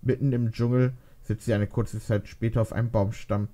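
A man's voice: lowish voice, level tone, normal speed, warm tone. A man casually reading fan fiction aloud over gameplay, often stumbling and correcting himself.

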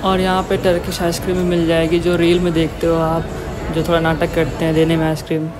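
Flat-voiced young man vlogging on the go. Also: a little high, brisk, music in the background. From India. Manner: flat, chatty tour-guide commentary. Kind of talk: casual walking vlog narration. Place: metro and shopping mall, indoors. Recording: noisy phone recording on the move.

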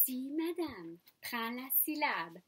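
High-voiced slow teacher coaxing young kids. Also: female voice, sing-song, fairly bright tone. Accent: Franco-Ontarian French. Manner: slow, clear, coaxing teacher talk to children. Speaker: kindergarten teacher. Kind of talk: online phonics lesson for young children.

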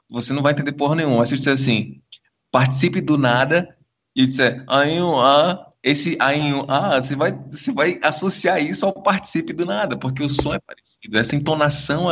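A man's voice: medium pitch, breathy edge. A man co-hosting a podcast, talking in a casual, reflective way, often restarting sentences as he searches for words. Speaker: podcast co-host. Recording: dull lo-fi sound.

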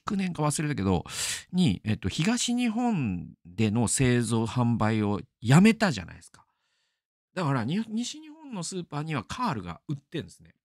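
Animated chatty man, dry close sound. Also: medium pitch, no echo. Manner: chatty, rambling, laughs often. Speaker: radio show host. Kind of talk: casual solo talk.

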